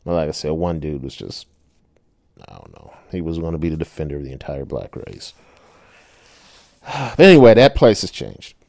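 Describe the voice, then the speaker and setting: A man's voice: very deep voice, big pitch swings, moderate pace, creaky, long pauses, a little mellow, dry recording, clean studio sound. A middle-aged man telling a personal story in a casual, chatty way, often tagging his lines with "right?" and laughing.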